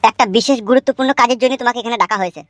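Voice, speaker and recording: A secretive, teasing young cartoon husband, as a woman puts him on. He dodges questions at a rapid clip. His voice is dry and close. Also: fairly high pitch, dry recording, voice pushed down, lightly acted. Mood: evasive.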